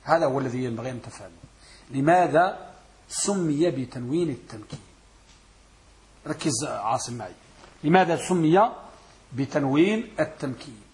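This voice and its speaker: A man's voice: medium pitch, expressive, moderate pace, pauses often, darkish tone. A man teaching a classroom grammar lesson as a sheikh, quizzing his students and repeating questions, answers and lines of verse.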